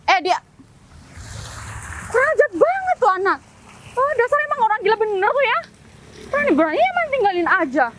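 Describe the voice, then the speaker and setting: A woman's voice: very high voice, big pitch swings, fairly quick, pauses often, background noise. An actress playing an arrogant, scornful young woman who sneers at her ex-boyfriend in a web drama, recorded outdoors. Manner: sneering, scolding, dismissive. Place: outdoors in a public place.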